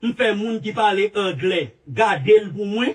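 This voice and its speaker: A man with a Haitian Creole accent giving animated, repetitive, emphatic commentary. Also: high-pitched, moderate pace, far from the mic. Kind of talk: casual commentary.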